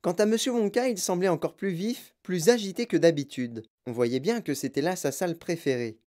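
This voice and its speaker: Mellow-voiced storybook narrator. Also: medium pitch, fairly quick. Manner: calm, even, descriptive reading. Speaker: audiobook narrator.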